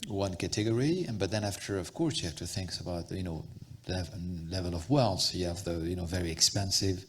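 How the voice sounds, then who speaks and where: Man, public panel speaker. Very low, raspy register, thoughtful and halting. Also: fairly bright tone. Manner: halting, searching for words.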